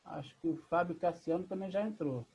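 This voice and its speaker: A Brazilian Bible language teacher with a husky, slightly breathy, mellow voice at medium pitch runs a live online class through a video call computer mic, so the audio is dull. She's patient, spelling out each point step by step. She often checks the class is following with a quick "tá?".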